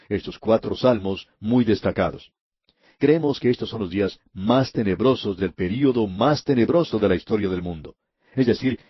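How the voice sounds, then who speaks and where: Radio preacher, male, low husky voice, earnest and emphatic, dry dull lo-fi recording. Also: no room sound. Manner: earnest, emphatic, addresses the listener directly. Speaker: radio Bible teacher. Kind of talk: radio Bible teaching.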